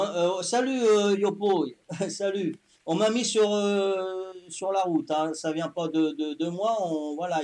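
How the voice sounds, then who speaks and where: Fifty-something Corsican man streaming a game. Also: high voice. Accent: Corsican French. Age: 50s. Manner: addresses viewers directly, tags sentences with "hein", repeats himself; calm, unhurried, talks to chat while playing. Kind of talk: live game stream chat.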